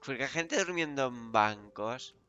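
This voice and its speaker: A young man with a Spain Spanish accent giving casual let's-play commentary, swearing, laughing and exclaiming loudly. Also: medium pitch, lively intonation, measured pace, clean tone, soft background music. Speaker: gaming youtuber.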